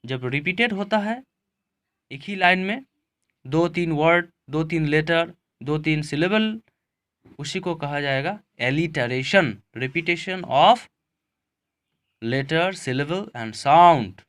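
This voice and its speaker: Slow-paced Indian teacher explaining a poem. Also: male voice, on the high side, lively intonation, a bit bright. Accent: Indian English. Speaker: school teacher. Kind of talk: recorded online lesson explaining a poem.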